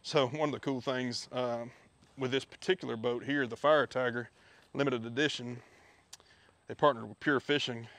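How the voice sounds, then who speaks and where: Gravelly man, steady even delivery, casual outdoor gear walkthrough on a head camera, faint background noise. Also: medium pitch, normal speed. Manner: relaxed, chatty, with many fillers. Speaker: fishing video host. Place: backyard outdoors. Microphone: head-mounted action camera.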